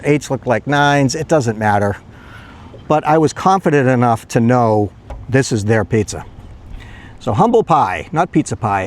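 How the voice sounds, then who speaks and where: A man's voice: mid-range voice, a little mellow, slight background noise. An older man telling a rambling, self-deprecating story in a casual vlog. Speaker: retiree vlogger and pizza delivery driver.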